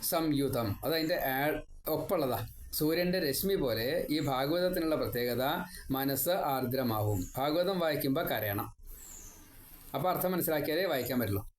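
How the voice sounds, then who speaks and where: Older guy teaching scripture, slow chanted verses then quick explaining, kinda high voice, echoey room. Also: animated. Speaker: Bhagavatam teacher. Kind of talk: religious discourse, explaining Sanskrit verses.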